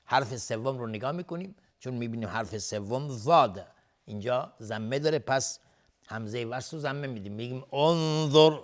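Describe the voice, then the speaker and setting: A man teaching Quran recitation, talking through the rules at a medium pitch. He explains one point at a time in a steady teaching voice and breaks off now and then to chant a word slowly. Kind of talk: tajweed lesson with chanted recitation.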